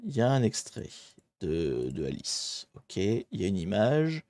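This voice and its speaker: A man's voice: on the low side, sing-song, a little slow, a little mellow, dry recording, clean studio sound. A man casually commenting on a live stream as he works through a hacking challenge, chatty and rambling, often correcting himself mid-sentence. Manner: chatty, rambling, self-interrupting. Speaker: livestreamer doing a hacking challenge.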